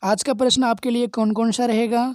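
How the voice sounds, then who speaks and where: Man teaching a grammar revision class, mellow tone, dry close sound, asks and answers his own questions. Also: very high-pitched, flat delivery, no room sound. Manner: keeps checking understanding with quick questions.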